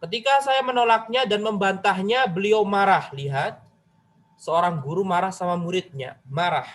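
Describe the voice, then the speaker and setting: A man's voice: sits high, moderate pace, fairly bright tone. A man teaching a conversational religious study lecture, retelling a story and asking his listeners questions directly. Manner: chatty, addresses listeners directly with rhetorical questions; retells a story, voicing its figures in quoted lines.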